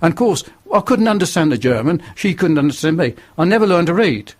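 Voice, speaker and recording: Slightly high and animated, this older northern English man speaks briskly. As a radio guest, he gives earnest testimony about his life.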